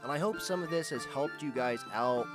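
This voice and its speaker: Speaking at normal speed over music, this Indiana foraging and herbal channel host answers viewers' questions in a relaxed vlog. His voice is medium in pitch, and his manner is earnest and easygoing.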